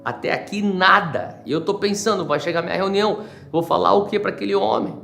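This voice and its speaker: A Brazilian man who is a pastor, telling a personal testimony in a sermon with animated storytelling and dramatic swings. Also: high voice, a little fast, gravelly, soft background music. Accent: Brazilian Portuguese.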